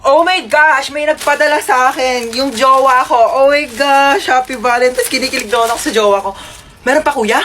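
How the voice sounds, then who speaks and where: A woman's voice: sits high, moderate pace, fairly bright tone, a little hiss or hum. A woman playing several roles in comic sketches, with an exaggerated, playful delivery. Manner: playful, exaggerated, switches characters. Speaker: comedy skit creator.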